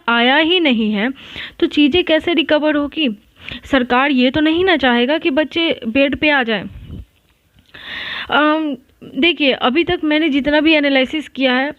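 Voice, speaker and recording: A woman's voice: high voice, dry recording, phone-quality sound. A woman educator talking casually and reassuringly to exam students, often restarting and correcting herself mid-sentence. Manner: reassuring, chatty, frequent restarts and self-corrections. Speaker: online exam-prep educator. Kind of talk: casual advice talk to students.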